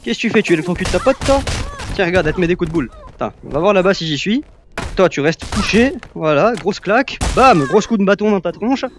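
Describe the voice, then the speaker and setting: A young gaming YouTuber with a high, expressive voice talks fast over background noise, giving casual, playful Let's Play commentary as he plays a VR game and teases the characters he fights.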